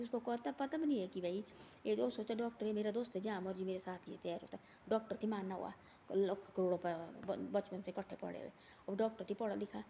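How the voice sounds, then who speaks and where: Gravelly woman telling a tale. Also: medium pitch, dark tone, highs cut off, a little hiss or hum. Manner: rambling, repeats words and "he said" often. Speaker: storyteller. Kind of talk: casual moral storytelling.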